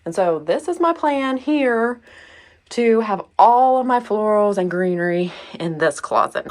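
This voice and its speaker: A middle-aged woman vlogger chatting casually as she shows her home storage, relaxed and laughing at herself. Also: fairly high pitch. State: a little out of breath. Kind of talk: casual home tour narration.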